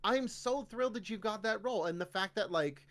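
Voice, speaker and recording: As a guest on a podcast, a Canadian man talks fairly quickly in a high, somewhat bright voice, keeping the interview chat casual. He gets animated and does mock voices when he quotes other people.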